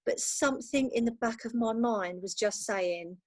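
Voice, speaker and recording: A woman's voice: a little high, darkish tone, no echo. A woman guest on a podcast, agreeable and reflective, speaking from a bedroom at home. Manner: agreeable and reflective, quick to affirm with "absolutely". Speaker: virtual assistant, guest. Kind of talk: casual chat.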